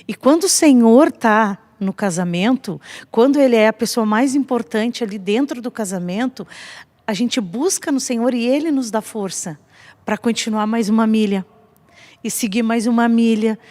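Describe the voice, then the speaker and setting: A woman's voice: on the high side, moderate pace, darkish tone. Brazilian woman, 50s, family ministry guest; friendly, chatty delivery with long reverb. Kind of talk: casual church podcast talk.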